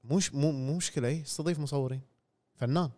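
Fast-talking laid-back man. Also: fairly high pitch, dark tone. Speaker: podcast co-host. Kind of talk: casual chat.

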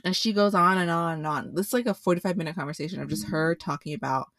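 A woman's voice: fairly low pitch, quick pace, fairly bright tone, no echo. A woman co-hosting a podcast, telling a story in casual chat, blunt and full of swearing. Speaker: podcast co-host.

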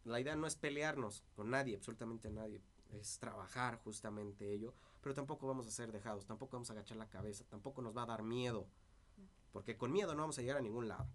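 A man's voice: medium pitch, fast. Dry-voiced man. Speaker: interview guest, party politician. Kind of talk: casual interview conversation.

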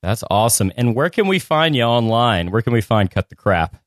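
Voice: medium pitch, expressive, brisk, no room sound, clean studio sound. A trivia podcast host talking casually and reading out quiz questions in an upbeat, joking way.

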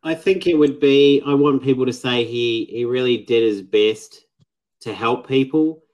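A man's voice: medium pitch, measured pace, darkish tone, rough recording. A man, a guest on a podcast, talking casually and reflectively, with many fillers and restarts. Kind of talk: casual interview talk.

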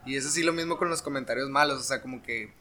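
A man's voice: mid-range voice, quick pace, pushed and bright. A man with a Mexican accent interviewing someone in a slangy, informal, casual chat.

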